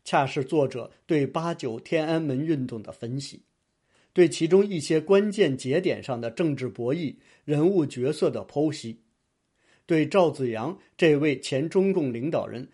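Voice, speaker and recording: Husky, mellow-voiced man reading formally. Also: a little high, expressive, measured pace. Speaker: book reviewer. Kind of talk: scripted narration.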